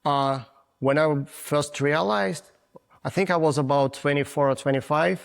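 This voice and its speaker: A little high and creaky, the voice belongs to a photographer in his forties with a Russian accent. He's a guest giving casual interview answers in frank but halting non-native English, often restarting.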